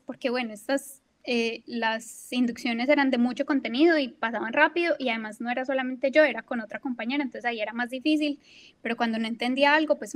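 Young Colombian woman, fillers and restarts. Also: fairly high pitch. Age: young adult. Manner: hesitant, many fillers and restarts. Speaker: guest, climate risk analyst. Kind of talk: conversational interview answers. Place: at work in Bermuda.

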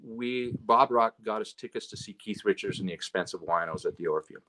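Low-voiced man telling road stories. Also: fairly quick. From Canada. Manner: animated anecdotes, acting out quotes, frequent "right?". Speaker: guest, road manager. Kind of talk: casual storytelling chat.

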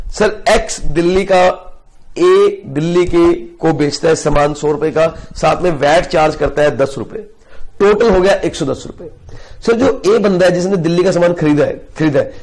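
Hindi-accented male teacher, slightly high voice, animated explainer who acts out exchanges. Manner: lively explaining, acts out little dialogues, keeps addressing listeners as sir. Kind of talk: classroom lecture.

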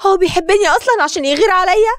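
A woman with an Egyptian accent voicing a hurt, tearful young woman in an animated story. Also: very high-pitched, racing. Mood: upset.

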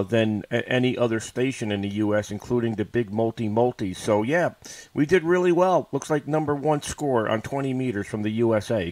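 Sitting indoors at his computer, a US ham radio operator who also hosts livestreams makes casual contacts, trading callsigns and radio phrases and repeating himself a lot. He speaks into a PC-connected studio mic in a mid-range, darkish voice with no echo.

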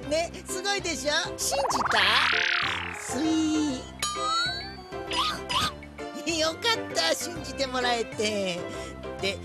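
Cartoon old lake god: unhurried, high-voiced, playful, grandly archaic then chatty, over loud music. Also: wildly swooping pitch, exaggerated voice. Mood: playful, boastful. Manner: grand archaic speech slipping into chatty boasting. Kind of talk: children's anime cartoon acting.

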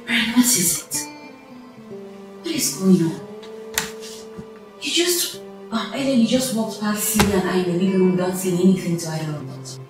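A woman's voice: mid-range voice, normal speed, long pauses, very echoey, over music, close to an everyday voice. A woman playing a worried, probing wife. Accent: Nigerian English. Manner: probing, emphatic. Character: worried wife pressing her husband for answers.

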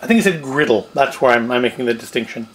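A fast-talking man with a slightly rough, mid-range voice hosts a homemade food review video, captured in a low-quality recording. He rambles casually and wryly while cooking, thinking aloud and questioning himself, moving from a table to a kitchen at home.

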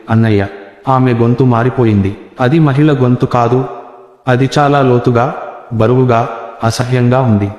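A man's voice: medium pitch, a little mellow. A man telling a first-person horror story as scripted narration, tense and suspenseful. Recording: echoey reverberant room.

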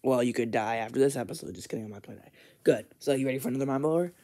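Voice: medium pitch, racing, mellow, close to an everyday voice. Brief: a fan doing a stuttering, mischievous old scientist man for a plush toy skit, uh-filled and teasing. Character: stammering male scientist grandpa, cranky and mischievous.

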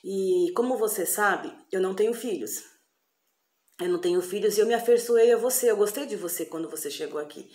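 A woman's voice: medium pitch, brisk, a little mellow, lightly acted. A woman voicing a stern male wizard who scolds and gives orders, told as a spoken story. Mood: gentle. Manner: scolding, bossy commands. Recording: echoey room.

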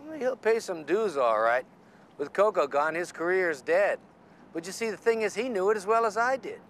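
A folksy man in his fifties with a wry way of talking, from a TV drama. His voice is a little high, with faint outdoor noise. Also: lively intonation, normal speed, a bit bright. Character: wry middle-aged male acquaintance advising a detective. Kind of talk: TV drama acting.

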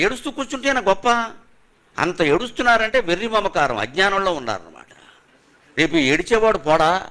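Man, spiritual discourse, bright forceful voice, fairly high pitch, emphatic questions. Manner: emphatic rhetorical questions, chants verses slowly. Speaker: spiritual speaker. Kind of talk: religious discourse.

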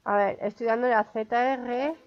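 Brief: young Spain Spanish woman gamer, chatty and exclamatory, high-pitched, dull recording. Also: steady tone, moderate pace, slight background noise. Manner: chatty, exclamatory, talks to viewers. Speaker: gaming vlogger. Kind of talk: casual gameplay commentary. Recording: dull lo-fi sound.

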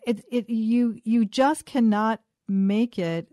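A woman hosting a faith podcast, asking thoughtful questions in a halting, conversational way. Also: fairly high pitch, mellow, no echo, clean studio sound. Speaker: podcast host and interviewer. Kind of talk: conversational interview.

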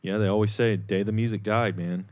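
Joking podcast host, low dry voice. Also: male voice, fairly even intonation, a little fast, a little mellow, no room sound. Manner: loose, jokey, casual swearing. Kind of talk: casual podcast interview.

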